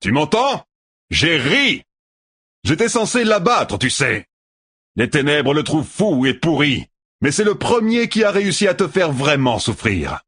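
A man voicing an arrogant, ruthless male killer who shouts and taunts in an audiobook. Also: on the high side, wildly swooping pitch, normal speed, slightly rough, pitched above the performer's own voice, exaggerated voice. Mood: taunting. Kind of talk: audiobook character voice.

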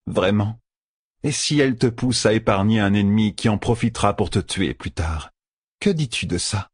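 A man voicing a stern, sharp-tongued female sorceress who speaks in a cold, lecturing way. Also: lowish voice, normal speed, husky, no echo, clean studio sound.

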